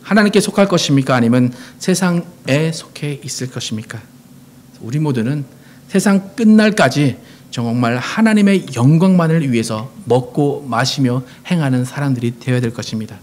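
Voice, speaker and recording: Earnest Korean-speaking pastor preaching. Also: male voice, medium pitch, animated, normal speed, darkish tone. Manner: earnest preaching, asks the congregation questions; reads scripture aloud with emphasis. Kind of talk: sermon.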